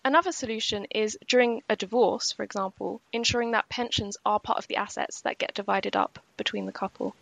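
A woman co-hosting a podcast, reading a scripted pension news summary in a measured, explanatory way. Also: mid-range voice, gravelly, a bit bright, a little hiss or hum. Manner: measured and explanatory, slowing for key points. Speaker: podcast co-host.

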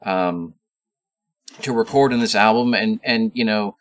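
A man's voice: lowish voice, a little slow. A man co-hosting a podcast, casually explaining background details with many ums and asides. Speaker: podcast co-host. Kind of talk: casual chat.

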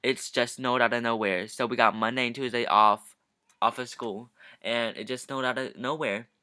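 Teen boy podcast co-host, mid-pitched, sarcastic, dry phone recording in a car. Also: fairly even intonation, normal speed, bright, forceful tone, dry recording. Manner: sarcastic, teasing. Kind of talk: casual chat. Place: back seat of a car.

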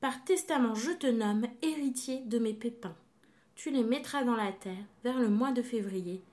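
A woman voicing a gentle, resigned female apple in a children's poem. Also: a little high, normal speed, natural voice.

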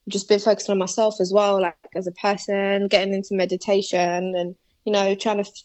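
A young woman rapper, chatting easily and breaking into laughter between thoughts. Her voice sits at an ordinary middle pitch. It is recorded close and dry, with no room sound around her. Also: fairly quick, dry recording. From born in Malawi, raised in England. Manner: relaxed, laughs often, slangy. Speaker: rapper guest. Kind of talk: casual interview chat.

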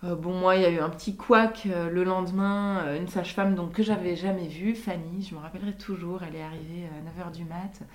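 A young woman with a slightly low voice recounts her birth stories in a soft, intimate, reflective way. She talks unscripted and halting, stopping often on fillers as she gathers her thoughts. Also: steady tone. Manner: hesitant, many pauses and fillers. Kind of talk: unscripted personal testimony.

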